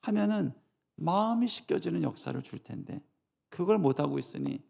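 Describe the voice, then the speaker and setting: Gravelly, lively male pastor preaching. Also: fairly high pitch, moderate pace. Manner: emphatic, with frequent rhetorical asides to the congregation. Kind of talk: sermon. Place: church.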